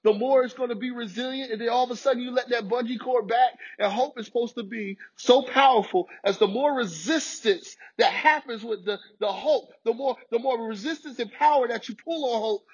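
A man's voice: extremely high pitch, fairly quick, few pauses, breathy edge, dull audio. A man preaching a sermon with passion, often repeating and restarting his words. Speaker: pastor.

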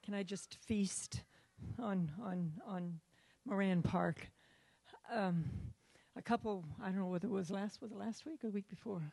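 A woman in her seventies giving an earnest church testimony, halting and often repeating her words. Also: mid-range voice, creaky, mellow. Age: 70s.

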